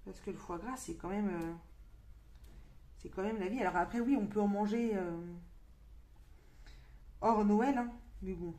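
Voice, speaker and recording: A woman's voice: mid-range voice, measured pace, pauses often, dark tone. A young French woman chatting casually in a coloring vlog, with lots of fillers and restarts. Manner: mutters counts half-whispered to herself. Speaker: coloring vlogger. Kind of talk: casual chat while coloring.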